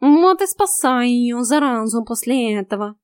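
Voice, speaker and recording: A woman voicing a cheeky, practical male house cat who grumbles in a loud, drawn-out way. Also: on the high side, expressive, smooth, no echo, clean studio sound. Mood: grumbling.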